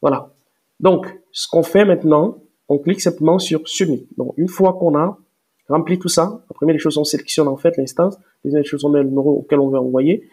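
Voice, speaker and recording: A man walking viewers through software step by step in a screen-recorded tutorial, hesitant with many fillers and restarts. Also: fairly high pitch, fairly quick, breathy edge. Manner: explains step by step, addressing viewers directly. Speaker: tutorial presenter.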